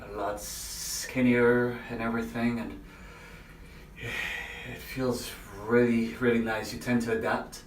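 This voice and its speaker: A man speaking haltingly in short phrases, giving a casual, unscripted instructional vlog from a bathroom. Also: mid-range voice, flat delivery. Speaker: vlogger demonstrating an ice bath. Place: indoors in a bathroom by or in a bathtub. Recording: echoey bathroom, distant mic, faint noise.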